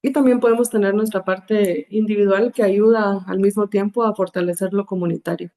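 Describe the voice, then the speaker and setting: Guatemalan woman psychologist, warm mellow voice, measured and reflective, podcast guest. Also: medium pitch, fairly even intonation. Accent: Guatemalan Spanish. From Guatemala City. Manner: measured, reflective, uses fillers like digamos. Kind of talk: podcast interview answer.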